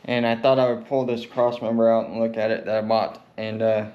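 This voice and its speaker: Male DIY vlogger, mouth numb from the dentist, slight lisp, casual and wry, mid-pitched voice. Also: little pitch movement, fairly quick, muffled recording. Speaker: DIY truck mechanic vlogger and welder. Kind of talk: casual, unscripted vlog talk.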